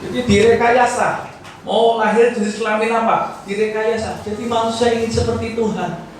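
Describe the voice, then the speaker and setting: A man preaching a sermon as pastor, exhorting and acting out prayers, his voice swinging from loud to hushed. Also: very high-pitched, fairly even intonation, moderate pace, slight background noise. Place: church hall. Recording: echoey hall, voice from far off.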